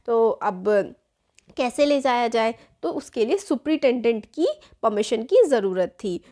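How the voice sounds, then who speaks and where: A young woman talks through a school chapter in a relaxed teaching tone. Her voice sits high, and she keeps rephrasing to make each point clear. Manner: explains in Hindi mixed with English terms, rephrases with "matlab". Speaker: teacher, channel host. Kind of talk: casual explanatory lesson.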